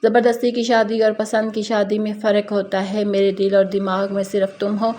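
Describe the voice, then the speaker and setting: A woman's voice: medium pitch, completely flat delivery, mellow, close to an everyday voice. A woman voicing a stern, domineering young male police officer in a narrated story, speaking in a harsh, commanding manner. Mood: pleading. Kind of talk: scripted narration.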